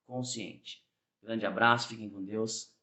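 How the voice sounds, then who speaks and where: An animated man with a mid-range, somewhat bright voice and a Brazilian Portuguese accent moves at a moderate pace through a conversational driving exam video lesson. Frequent "tá?" checks punctuate his talk, and he performs small examples with voiced asides.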